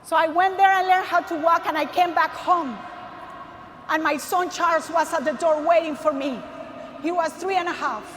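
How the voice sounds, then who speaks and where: A woman's voice: very high-pitched, moderate pace, fairly bright tone, slight background noise. A woman from Costa Rica with a Costa Rican Spanish accent, giving an emphatic faith testimony to a large audience, calling out to the crowd. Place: large arena stage. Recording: long hall reverb, faint ambience.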